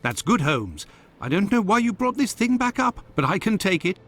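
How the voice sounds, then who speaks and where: An actor playing a loyal, proper Victorian doctor in a video game, with a British accent and an earnest, expressive manner. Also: male voice, high-pitched, moderate pace, soft background music, full character voice. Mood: puzzled.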